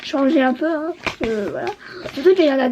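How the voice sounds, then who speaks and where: A woman's voice: high-pitched, fairly quick, background noise. A woman beauty vlogger chatting casually, hesitant and full of fillers. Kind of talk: casual chat.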